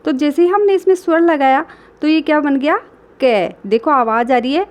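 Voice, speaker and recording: A woman with a high voice teaches a children's reading lesson. She sounds out each syllable slowly and patiently and keeps talking straight to the kids. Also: darkish tone. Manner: addresses children directly.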